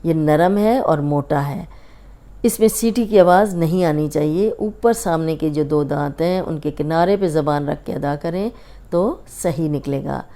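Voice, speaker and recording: A woman with a Pakistani Urdu accent teaching a Quran recitation lesson, drilling drawn-out syllables and patiently explaining each sound. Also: low voice, mellow. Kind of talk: slow instructional recitation lesson.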